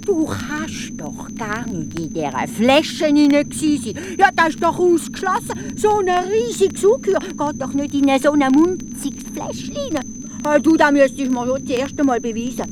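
A woman voicing a cheeky, quick-witted young boy with a Swiss German accent. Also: sits high, animated, background noise, pitched above the performer's own voice. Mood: pleading then clever. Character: cheeky clever young boy woodcutter's son.

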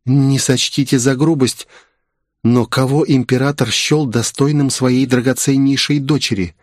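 A man's voice: medium pitch, fairly even intonation, unhurried, no echo, studio quality, voice pushed up, close to an everyday voice. A man voicing a clever, loyal young female servant who talks respectfully with a sly edge. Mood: curious.

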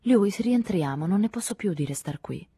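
A woman's voice: medium pitch, expressive, moderate pace, dark tone, husky, no room sound, pitched above the performer's own voice. A woman reading the part of an anxious woman in love, pleading and tearful, in an audiobook. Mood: restless.

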